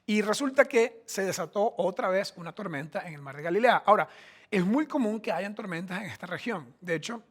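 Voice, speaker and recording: A man's voice: high-pitched, lively intonation, fairly quick. A man preaching a sermon in a conversational, emphatic way, often restarting his phrases. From Costa Rica. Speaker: pastor.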